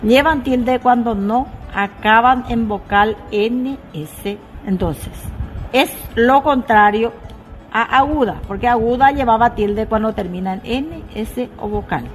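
A woman teaching a lesson, measured and repeating key points, dropping her voice on examples. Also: on the high side, faint music behind. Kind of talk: slow classroom explanation.

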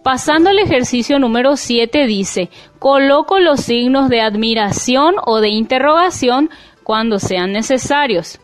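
A woman teaching a language lesson, explaining slowly and clearly, with faint music behind her. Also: high-pitched, expressive. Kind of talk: classroom lesson.

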